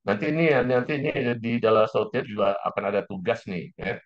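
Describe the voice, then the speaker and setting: A male lecturer explains a class lesson step by step, often repeating key phrases. His voice is lowish, animated and a little fast. The classroom lecture was captured as a slightly dull lo-fi recording.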